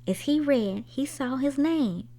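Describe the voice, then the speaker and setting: Speaking slowly with a voice that sits high, a woman performs a picture book for children with expressive storytime delivery, pausing to pose questions to her small listeners.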